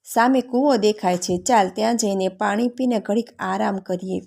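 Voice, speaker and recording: A woman voicing a scheming, greedy husband in a folk tale, speaking in a smooth coaxing way. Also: medium pitch, moderate pace, darkish tone.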